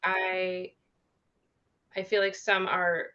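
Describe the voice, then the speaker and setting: Lowish, slightly muffled woman hosting. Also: monotone, extremely slow, bright, forceful tone, smooth. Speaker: discussion host and hospice nurse. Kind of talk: casual panel discussion. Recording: slightly dull, muffled audio.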